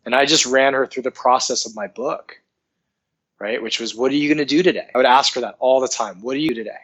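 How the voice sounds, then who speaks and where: A man who is a coach and author, speaking as a podcast guest in an earnest, animated coaching tone. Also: mid-range voice, quick pace, husky, poor audio. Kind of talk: casual podcast interview.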